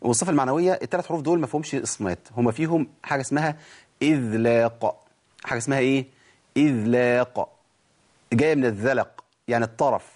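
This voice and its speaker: A man with an Egyptian accent teaches the rules of recitation at a brisk pace. He keeps throwing questions to his listeners and answering them himself, and his voice sits at an ordinary middle pitch. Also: darkish tone. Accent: Egyptian Arabic. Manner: explains with rhetorical questions, then slow drawn-out recited examples. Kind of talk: tajweed lesson.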